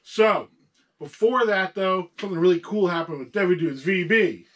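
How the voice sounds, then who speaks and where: A man's voice: high-pitched, normal speed, fairly bright tone. A man with a sore throat hosting a casual show-and-tell about his toy collection, patiently talking along with a young co-host.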